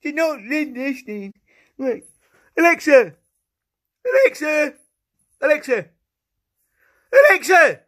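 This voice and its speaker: A man voicing a silly, excitable talking potato, shouting and stumbling over his words. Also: extremely high pitch, slow pace, long pauses, full character voice. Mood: excited. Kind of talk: comic vlog sketch.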